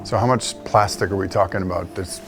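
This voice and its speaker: An easygoing male interviewer with a fairly low voice, keeping things friendly with small jokes. Music plays clearly underneath him. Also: steady tone, brisk. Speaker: interviewer for the brand. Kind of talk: casual interview.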